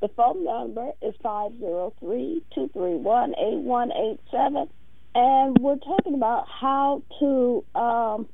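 An American woman with a raspy, sandpapery voice, hosting a conversational call-in radio show in a halting, reflective way. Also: on the high side, background noise. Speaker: radio talk show host. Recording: muffled, roomy phone-like radio sound.

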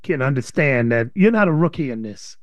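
A man's voice: mid-range voice, lively intonation, brisk, no echo. A man hosting an interview, casual, with short replies while his guest talks. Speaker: interview host. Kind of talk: radio interview.

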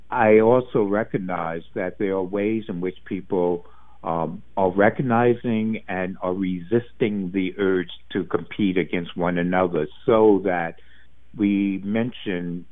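American guy co-hosting talk radio, deep voice, slow n careful w pauses, dull phone-ish audio. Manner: halting, deliberate, measured. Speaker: radio talk show co-host. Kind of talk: thoughtful talk radio conversation. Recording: dull, band-limited phone-like sound.

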